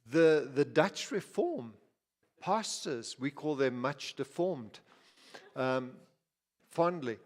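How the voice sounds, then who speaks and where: Preaching in a church, this Zimbabwean pastor uses a fairly high, animated voice, taking it slowly and pausing often. His conversational sermon is full of restarts, asides and repeated words, echoing in a reverberant hall.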